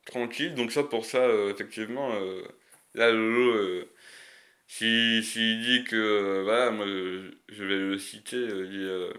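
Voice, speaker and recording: A man's voice: fairly low pitch, fairly bright tone. A man with a lisp that makes his s slushy, talking off the cuff in a casual, hesitant, rambling monologue full of crude slang. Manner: rambling, hesitant, frequent long searching pauses. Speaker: video creator.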